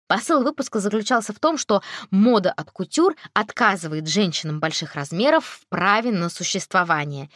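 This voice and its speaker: A woman's voice: mid-range voice, dry recording, studio quality. A woman narrating a first-person audiobook in a wry, conversational manner.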